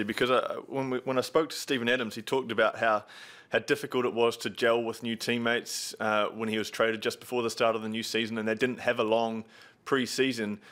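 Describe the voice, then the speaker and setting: Man, thirties, New Zealand accent, mid-pitched, sports host, conversational presenting, close mic. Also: fairly bright tone. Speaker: sports show host and interviewer. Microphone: desk microphone close in front, video call.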